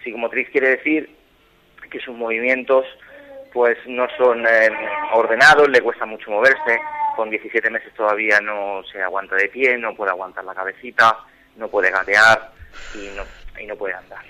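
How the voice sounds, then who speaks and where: A man in his thirties from Barcelona, calling in to a radio show and telling his story earnestly, with many halting restarts. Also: fairly low pitch, steady tone, poor audio. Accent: Spanish, from Barcelona. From Spain. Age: 30s. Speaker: caller. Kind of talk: phone-in interview.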